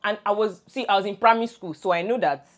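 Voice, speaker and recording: Her voice mid-range and her pace quick, a young Nigerian woman co-hosts a casual podcast alongside her best friend. She's an animated storyteller who laughs often and restarts her thoughts many times.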